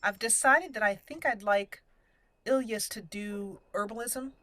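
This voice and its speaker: This gaming channel host talks casually and muses aloud while playing, in a let's-play commentary. She has a medium-pitched, unhurried voice with no echo, heard over loud game music.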